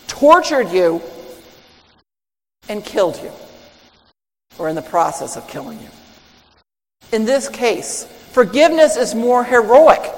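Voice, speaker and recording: Slow woman preaching in a reverberant hall. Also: on the high side. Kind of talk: sermon. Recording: long reverb of a large hall.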